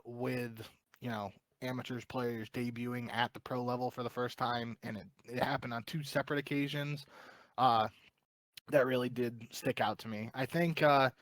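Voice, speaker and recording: A man's voice: mid-range voice, fairly bright tone, no room sound. A man co-hosting a podcast, talking esports in a casual, rambling way with lots of fillers and restarts. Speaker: podcast co-host. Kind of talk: casual esports analysis chat.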